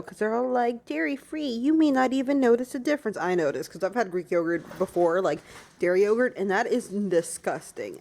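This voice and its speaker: A woman's voice: fairly low pitch, a little mellow, a little hiss or hum. A woman vlogging casually, rambling and emotional with lots of fillers. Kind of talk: casual vlog. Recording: echoey room.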